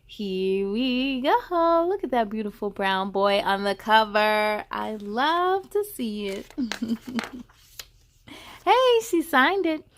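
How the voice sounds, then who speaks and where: A woman with a fairly high, animated voice reads a children's story slowly and expressively. Between lines she offers chatty, encouraging asides to her young viewers in this lively read-aloud.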